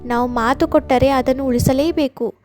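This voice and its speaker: A woman reading a calm, truthful mother cow. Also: high voice, moderate pace, lightly acted.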